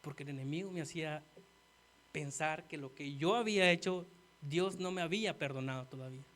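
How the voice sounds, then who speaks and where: A man preaching a sermon earnestly, talking straight to the congregation and swinging from quiet asides to loud emphasis. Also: fairly high pitch, fairly quick. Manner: earnest, addresses listeners as "hermano".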